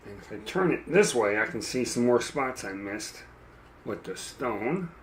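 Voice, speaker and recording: A man chatting casually while he paints a miniature, rambling and self-deprecating, with a dry, froggy throat that he keeps clearing. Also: mid-range voice, expressive, measured pace, a little hiss or hum. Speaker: mini painting streamer.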